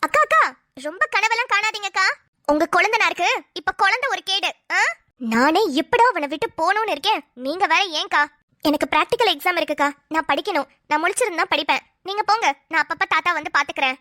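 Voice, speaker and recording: An earnest young bride who studies hard and cares for the family, yet is sharp when something is wrong, voiced by a woman. The voice is very high and bright. It is close and dry. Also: no room sound. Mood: eager. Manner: eager, polite, quick to question.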